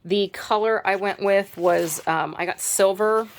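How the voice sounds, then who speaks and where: A woman's voice: medium pitch, unhurried. A woman vlogger from the United States giving a casual, rambling luggage review at home, often restarting her sentences. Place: home room. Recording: distant mic, faint noise.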